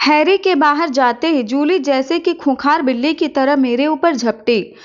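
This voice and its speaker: A young woman narrating a story in the first person, in a lively, teasing storyteller manner. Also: high voice, measured pace. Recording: dull lo-fi recording.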